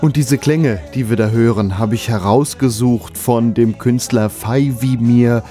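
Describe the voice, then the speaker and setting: A man's voice: medium pitch, a little slow. A man presenting a podcast announcement in voice-over, addressing listeners directly. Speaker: podcast host. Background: music under the voice.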